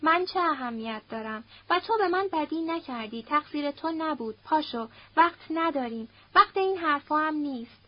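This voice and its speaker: A determined young man in a spoken story who gives short, urgent commands, as a woman reads him. The voice sits high, and the recording sounds dull and lo-fi. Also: lively intonation, hardly any pauses.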